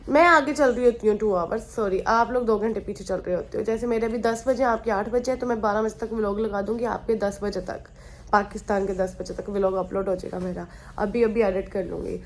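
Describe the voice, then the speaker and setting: A woman's voice: mid-range voice, fairly even intonation, a little fast, a little hiss or hum. A young woman, vlogging in her bedroom while unwell with a slight fever, talking in a chatty, rambling way. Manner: chatty, rambling, mixes in English phrases. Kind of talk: casual vlog chat.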